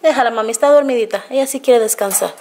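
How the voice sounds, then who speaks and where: A woman's voice: a little high, quick pace. A woman with a Mexican Spanish accent, chatting to her viewers in her home kitchen in a casual family vlog and cooing at the puppies. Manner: warm, chatty, coos at the puppies. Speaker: family vlogger, mother. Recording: noisy home recording.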